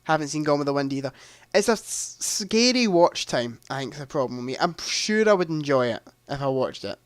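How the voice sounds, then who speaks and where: A man's voice: fairly high pitch, expressive, fairly quick, clear, resonant tone, no room sound. A man hosting a live movie quiz stream, chatting casually, thinking aloud and making self-deprecating asides.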